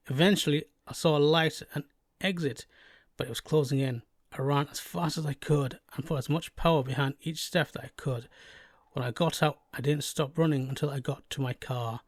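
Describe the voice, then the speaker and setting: A man's voice: a little high, dry recording, studio quality. A man reading a scripted first-person horror story as its narrator, now and then stumbling over a word.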